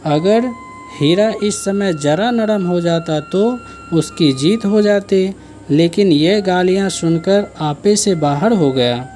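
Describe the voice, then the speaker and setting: A man's voice: high-pitched, takes it slowly, darkish tone, soft background music. A man voicing a gossiping village shopkeeper woman who goads the quarrel, in an audiobook. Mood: gossipy. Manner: goading, gossipy.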